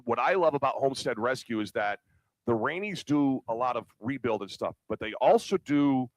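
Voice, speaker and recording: A man's voice: mid-range voice, animated, normal speed, no echo, low-quality recording. A man from upstate New York, hosting a casual live talk show in the upstairs room of a bar, rambling and restarting his sentences. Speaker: show host.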